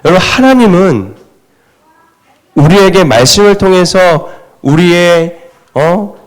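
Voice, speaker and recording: Preaching a Sunday sermon in a church sanctuary, a middle-aged pastor speaks slowly and expressively, his slightly high voice swinging widely in pitch. Again and again he questions the congregation and answers himself.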